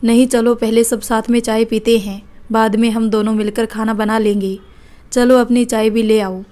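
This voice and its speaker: A woman's voice: fairly high pitch, level tone, normal speed, warm tone, natural voice. A woman voicing an outspoken, caring elder sister-in-law in a read-aloud family story. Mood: gentle. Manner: firm, reproachful.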